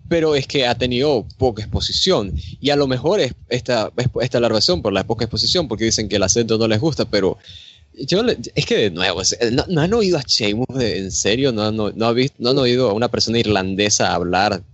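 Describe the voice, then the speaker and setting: A man talks casually as a podcast panelist, emphatic and fond of rhetorical questions. His voice comes through slightly dull, lo-fi audio. He speaks at mid pitch. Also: lively intonation, fairly quick, no room sound. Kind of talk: casual wrestling podcast chat.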